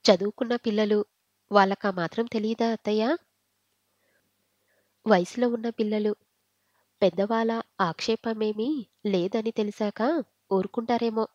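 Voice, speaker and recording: A woman storyteller voicing a patient middle-aged daughter-in-law who reasons gently in a storybook. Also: medium pitch, steady tone, measured pace, pauses often, no echo, lo-fi sound, natural voice. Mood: placating.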